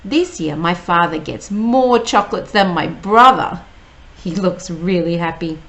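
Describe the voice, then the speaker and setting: A woman teacher, reading a picture book aloud slowly and explaining each word. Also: fairly low pitch, a bit bright, rough recording. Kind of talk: read-aloud storytime.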